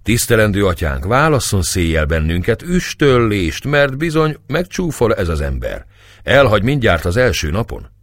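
A man's voice: fairly low pitch, sing-song, dry recording, voice pushed up. Spirited young bride, eager and playful, read by a man, dry close sound.

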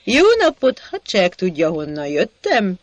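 A man voicing an irritable, exasperated man who breaks into loud outbursts. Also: high voice, sing-song, dry recording, muffled recording.

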